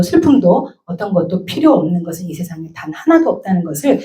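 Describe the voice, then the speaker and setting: A woman from Korea giving a lively church talk, acting out parent and child voices as she speaks. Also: lowish voice. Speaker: guest speaker at a church service. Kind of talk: sermon-style talk.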